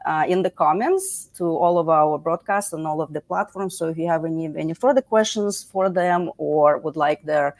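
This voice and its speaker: A woman's voice: deep voice, normal speed, hardly any pauses, darkish tone, dry recording. A woman hosting a livestream panel over a video call, chatty, with many fillers and restarts. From United States. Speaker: livestream host.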